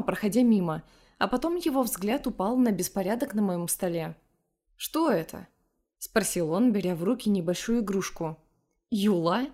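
A woman reading a first-person romance story aloud in a calm, measured way. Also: mid-range voice. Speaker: narrator.

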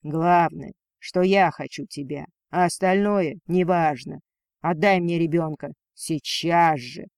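A man voicing a cold, domineering male dragon lord in a storybook reading, speaking slowly and with contempt. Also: on the high side, steady tone, a little mellow, no room sound, studio quality. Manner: slow, commanding, contemptuous.

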